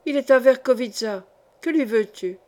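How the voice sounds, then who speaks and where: A woman's voice: on the high side, expressive, moderate pace, a little mellow, close to an everyday voice. A woman reading a frightened, irritable old male monk in a storybook. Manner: irritable and fearful.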